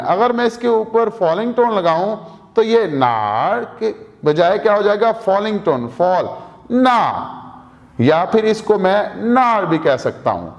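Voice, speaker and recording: Slow, high-voiced Urdu-accented male teacher. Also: highs cut off. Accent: Pakistani Urdu. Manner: repeats each word several times, explains meanings. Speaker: language teacher. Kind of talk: slow vocabulary lesson.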